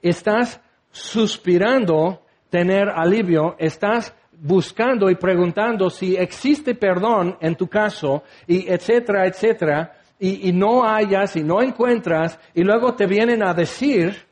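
A male preacher with a notably high voice delivers an impassioned sermon. He keeps turning to his listeners with direct questions and slips into the voices of biblical figures as he retells their words. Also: unhurried.

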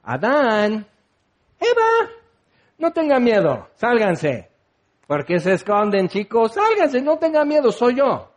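A man voicing a meek, overly gentle and apologetic male deity, soft and pleading. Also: wildly swooping pitch, slow pace, exaggerated voice. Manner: soft, pleading, high and sugary.

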